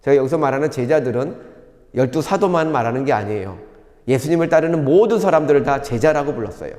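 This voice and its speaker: A male pastor giving a sermon in a calm, measured teaching tone, often posing rhetorical questions. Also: mid-range voice, big-room sound. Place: church sanctuary.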